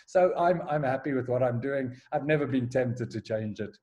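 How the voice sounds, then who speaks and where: The recording is muffled and comes through a call as the South African headmaster, a man in his forties, recounts his past in a relaxed podcast interview. He speaks at normal speed in a mid-range, slightly mellow voice, hesitant and frequently restarting or repeating words.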